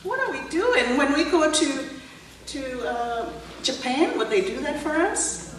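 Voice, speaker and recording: Speaking at a measured pace, a political candidate in her sixties, originally from Burma with Burmese as her first language, gives a forum answer full of stories, laughing asides and rhetorical questions. Her high-pitched voice swings widely in pitch. The museum event hall echoes, and the distant mic picks up background noise.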